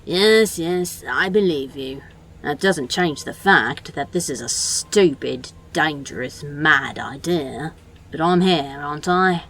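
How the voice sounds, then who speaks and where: A woman's voice: deep voice, slow, fairly bright tone, slight background noise, exaggerated voice. A woman voicing a sardonic, bossy male demon in a fan audio drama, talking in a dry, exasperated, scolding way.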